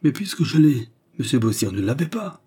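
A man reading an audiobook, voicing a scheming noblewoman who is frightened yet defiant, with a raised, pleading pitch. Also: big pitch swings, normal speed, warm tone, breathy edge.

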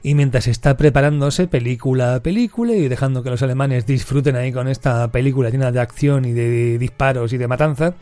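A man's voice: mid-range voice, a little fast, hardly any pauses, no echo. A man, hosting a podcast and casually retelling a film, acting out the characters' lines as he goes. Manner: lively storyteller who acts out character quotes. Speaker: podcast host.

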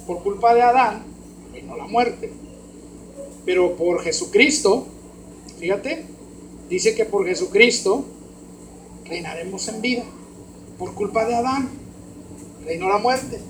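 Mexican pastor preaching in an echoey hall. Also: male voice, high voice, takes it slowly, long pauses. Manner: swings from hushed to loud, emphatic preaching. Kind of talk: sermon. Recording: roomy hall echo, faint background noise.

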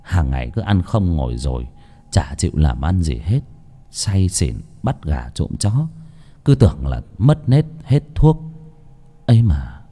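A man voicing a tired middle-aged village elder brother who talks in a low mutter. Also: very animated, a little slow, dark tone, breathy edge, heavily acted. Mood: weary.

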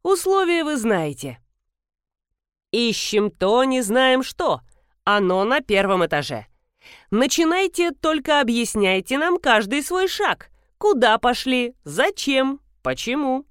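A woman's voice: high-pitched, very animated, slow, clear, resonant tone, dry recording, studio quality, voice pushed up, exaggerated voice. A woman voicing a theatrical male actor who hosts a show, teasing and mock-enthusiastic.

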